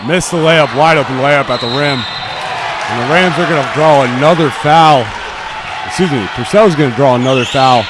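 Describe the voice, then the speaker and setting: In a noisy gym with a crowd and bouncing balls behind him, a young man who is a student, teen or young adult, narrates basketball live in clipped phrases tied to each play. His voice sits at medium pitch and moves at normal speed.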